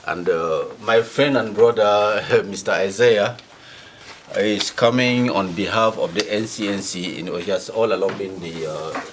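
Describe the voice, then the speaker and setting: Low-voiced man introducing his delegation. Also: unhurried, a little hiss or hum. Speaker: delegation head. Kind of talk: formal self-introduction.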